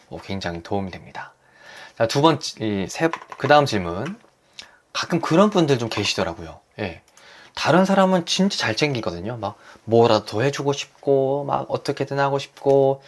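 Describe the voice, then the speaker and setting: A man hosting a live lesson for married couples, talking gently and earnestly and often asking his audience questions. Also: medium pitch. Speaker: host leading a couples' reading session. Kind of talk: live online lecture to couples.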